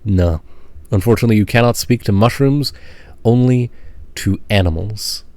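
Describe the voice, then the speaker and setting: A man narrating as game master of a tabletop game, deadpan and slowing down to stress odd details. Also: on the low side, no echo.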